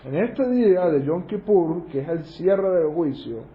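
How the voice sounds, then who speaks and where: A man's voice: on the high side, expressive, unhurried. Male religious teacher, sermon-style, rhetorical questions, reverberant lo-fi room recording. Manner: asks rhetorical questions and checks understanding with "¿ok?". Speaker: teacher of a Torah study group. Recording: roomy, dull lo-fi sound.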